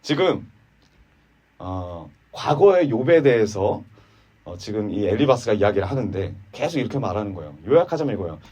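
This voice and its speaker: Husky animated Korean preacher. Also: male voice, normal speed, dull audio. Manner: animated, rising to emphatic peaks then dropping low and quiet; voices quoted speakers in a mocking, sarcastic tone. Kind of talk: sermon. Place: church.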